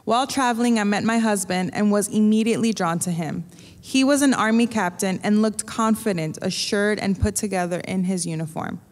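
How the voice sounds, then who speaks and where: A brisk, mid-range female voice reads a prepared translation of a testimony steadily, phrase by phrase. She stands at a microphone on a church stage facing an audience, with the big hall's long reverb audible.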